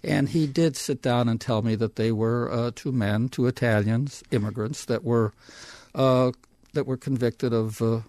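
An older man, an author being interviewed on radio, talking in a halting way with many fillers and restarts, then pressing his points hard. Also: mid-range voice, steady tone, darkish tone, dry recording, clean studio sound. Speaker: author guest. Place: radio studio.

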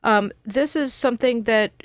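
A woman's voice: a little high, normal speed, no room sound, clean studio sound. Emphatic woman analyst on talk radio. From United States. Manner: emphatic, argumentative, builds long sentences. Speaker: political analyst guest. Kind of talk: radio panel discussion.

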